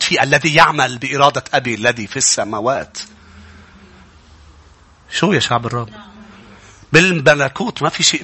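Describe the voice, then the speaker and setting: A man, preaching a sermon as pastor, swinging from quiet, low stretches up to impassioned shouting. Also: husky.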